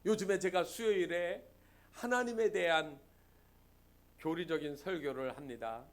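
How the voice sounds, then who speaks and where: A man's voice: fairly high pitch, a little slow. A male pastor giving a Sunday sermon, telling a story and asking the congregation rhetorical questions.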